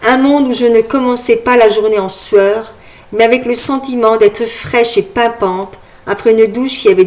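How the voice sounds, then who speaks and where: A woman narrating a first-person novel as an audiobook, in a smooth, even storytelling delivery. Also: a little high.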